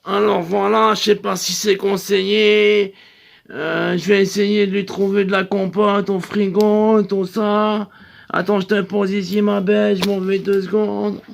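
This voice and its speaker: A man's voice: high-pitched, little pitch movement, unhurried, creaky, a little hiss or hum. A man rambling through an improvised comic monologue, full of fillers and repeats, cooing in baby talk to a pretend infant. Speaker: comedy sketch performer.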